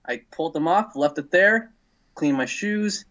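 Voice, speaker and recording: A man's voice: on the high side, lively intonation, unhurried, fairly bright tone, dull audio. A man in casual podcast chat, telling long rambling stories over a remote line. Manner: rambling, long-winded storytelling. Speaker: podcast panelist.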